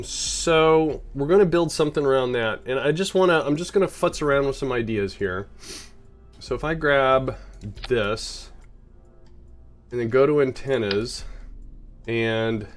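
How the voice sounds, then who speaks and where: A man with a head cold rambles casually while live-streaming a space game, frequently correcting himself. His voice is medium in pitch.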